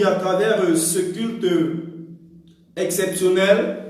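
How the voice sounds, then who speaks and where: A man preaching and praying as an evangelist, in a measured, deliberate way. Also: high-pitched, a little mellow. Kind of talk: Easter sermon and prayer. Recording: very echoey room, distant mic.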